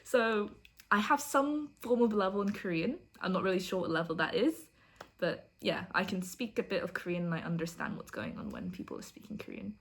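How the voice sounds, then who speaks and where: A young adult woman from the UK, a university student, vlogs a casual get-to-know-me chat, chatty, giggly and self-deprecating. Her mid-range voice is sing-song and brisk.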